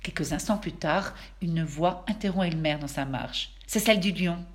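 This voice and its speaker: A teacher, a woman, reading a children's storybook aloud in a clear, expressive manner. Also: on the low side, moderate pace.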